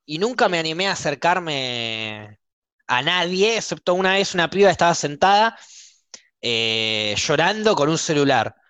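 A man's voice: a little high, big pitch swings, normal speed, a bit bright, clean tone, dry recording. A man with a Rioplatense Argentine accent telling stories bluntly and jokingly in a casual podcast chat, with lots of slang. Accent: Rioplatense Argentine Spanish.

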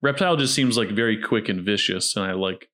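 A man's voice: lowish voice, brisk, a bit bright. Jokey man hosting casual film commentary. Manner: jokey, conversational. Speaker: podcast host.

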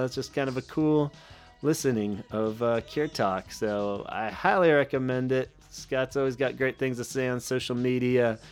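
Male podcast host, easygoing and rambling, average pitch, soft music bed behind. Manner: loose and rambling, many fillers. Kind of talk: casual podcast talk.

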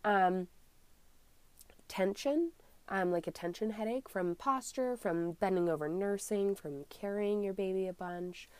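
A young woman hosting an herbalist podcast talks casually on her own, sounding slightly scratchy and congested from a cold. She's chatty and friendly in her explanations, with lots of ums. Her voice is medium-pitched, a little slow, with no echo.

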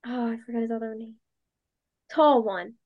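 A woman's voice: on the high side, moderate pace, muffled recording. A young woman as an interview guest, chatting casually and acting out past conversations with lots of "like". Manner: chatty, acts out past conversations, many likes. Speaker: guest, dancer and podcaster.

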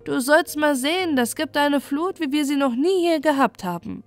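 A woman's voice: high-pitched, animated, moderate pace, faint music behind, voice pushed up. A woman voicing a vain, good-natured male moon with a pompous manner in a storybook. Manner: pompous, scheming. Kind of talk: storybook reading.

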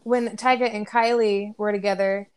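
A woman chatting casually on a podcast, blunt and animated, swearing freely. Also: medium pitch, normal speed, clear, resonant tone. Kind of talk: casual chat.

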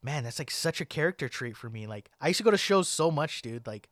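A man's voice: fairly high pitch, lively intonation, a little fast, fairly bright tone. A young man hosting a podcast, chatting casually and rambling with lots of "like" and "man". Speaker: podcast host. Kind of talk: casual chat.

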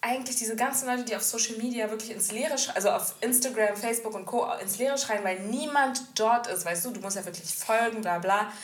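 A woman's voice: fairly high pitch, a little fast, hardly any pauses. A woman co-hosting a casual chat, talking animatedly, slipping English phrases into German and acting out the people she quotes. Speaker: podcast co-host. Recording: roomy echo.

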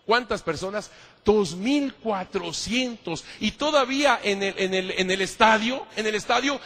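A man, a priest, preaching with animated stories and a fairly high voice. He hammers phrases through repetition and speaks fondly to his listeners as "mijos." The voice rings with long reverb, as if it fills a large hall. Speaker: priest giving a talk. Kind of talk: lively sermon with anecdotes.

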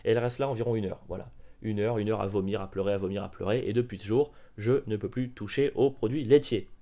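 A man in his thirties hosting a comedy podcast, telling absurd stories in a deadpan way with provocative asides. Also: on the low side, fast talker. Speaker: podcast host.

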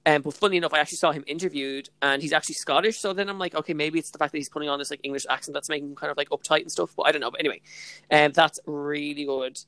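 Speaking very fast in a deep, fairly bright voice with fairly even intonation, a young Irish woman co-hosts a podcast. The chat is casual and bubbly, packed with "like" and "literally."

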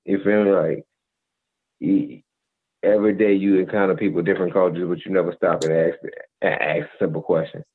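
A very deep-voiced man holds forth on a podcast in a preachy, laid-back way. He leans on "you feel me" constantly. His voice comes through a thin, phone-like band. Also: fairly even intonation, fairly quick, slightly rough. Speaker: podcast co-host. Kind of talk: casual advice monologue. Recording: tinny phone-like audio.

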